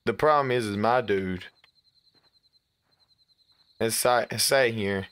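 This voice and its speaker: A man's voice: on the low side, slow pace, fairly bright tone, clean tone. A man hosting a gaming video, giving casual, slangy, incredulous commentary as he plays. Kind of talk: casual let's play commentary.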